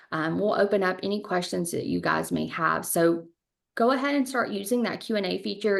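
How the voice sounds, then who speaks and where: A woman's voice: lowish voice, gravelly, fairly bright tone. A woman hosting an online webinar as a graduate school recruitment director, speaking in a friendly, organized way with frequent ums.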